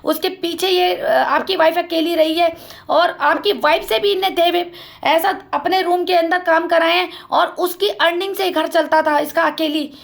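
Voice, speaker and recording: Woman with a raspy fry in her voice, vlogging her story, fired up and accusing. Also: extremely high pitch, fairly bright tone. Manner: impassioned, accusatory, addresses family members directly. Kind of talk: emotional personal account to camera.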